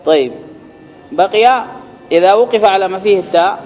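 High-voiced male grammar teacher, lecture-hall reverb, dull lo-fi sound. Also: a little fast, a little hiss or hum. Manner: reads the text aloud, then explains it and quizzes students. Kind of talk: classroom lecture reading and explaining a text.

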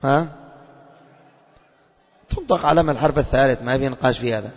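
A male religious teacher with a medium-pitched voice speaks fast as he quizzes his class and repeats the students' answers back. The recording is dull and lo-fi, with long reverb.

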